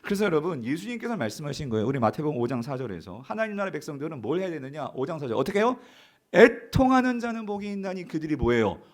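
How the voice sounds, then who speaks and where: A man's voice: fairly high pitch, sing-song, fast talker. A male pastor preaching a sermon, putting questions to the congregation as his voice rises and falls. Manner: calls out to the congregation with questions, voice swelling and dropping.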